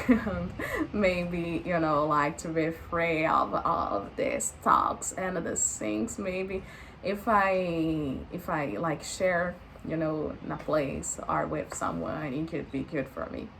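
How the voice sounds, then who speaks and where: A woman vlogger in her late 20s, Brazilian Portuguese accent, chats unscripted and casually to camera, hesitant and heavy on fillers. Her low, gravelly, fairly bright voice is very animated yet takes things slowly. The low-quality recording has a little hiss or hum.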